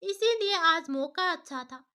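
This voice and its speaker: Woman storyteller, high clear bright tone, steady scripted narration. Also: unhurried. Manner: steady, plain first-person telling.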